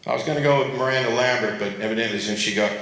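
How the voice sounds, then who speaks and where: Man, wry sarcastic debater, bright voice, very echoey hall, live convention stage. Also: mid-range voice, very fast. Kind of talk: comic live debate speech.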